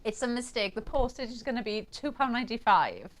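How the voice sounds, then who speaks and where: A woman's voice: a little high, animated, fairly quick. Gushing woman selling crafts. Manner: gushing, chatty, coos over cute designs. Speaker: shopping channel presenter. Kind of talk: live selling presentation.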